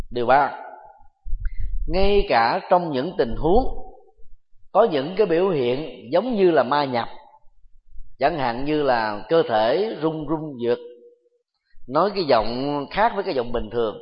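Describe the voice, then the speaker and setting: A man, a Buddhist monk, giving a dharma talk with measured, deliberate phrasing and pauses. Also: fairly high pitch. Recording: dull lo-fi recording with long hall reverb.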